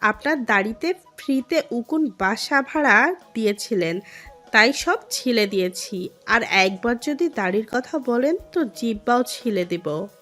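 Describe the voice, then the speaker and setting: A woman's voice: fairly high pitch, expressive, a little slow, fairly bright tone, soft background music. Woman playing a feisty scolding older mother. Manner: scolding, snapping.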